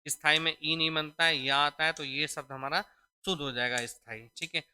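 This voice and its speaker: A man's voice: fairly high pitch, steady tone, brisk, bright, forceful tone, a little hiss or hum. A man teaching a spelling lesson for exam preparation. He explains step by step, repeats each word, and keeps checking in with his students. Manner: addresses students fondly as children.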